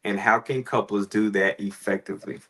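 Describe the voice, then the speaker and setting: A man co-hosting a casual faith and relationship talk show, telling stories with animated restarts. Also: fairly low pitch, moderate pace. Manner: animated storytelling, frequent restarts. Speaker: podcast co-host.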